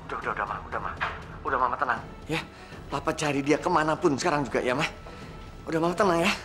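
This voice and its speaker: A man's voice: on the high side, quick pace, pushed and bright. An actor playing a father who keeps soothing his wife and pleading with his runaway daughter, repeating himself. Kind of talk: TV drama acting. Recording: faint music underneath.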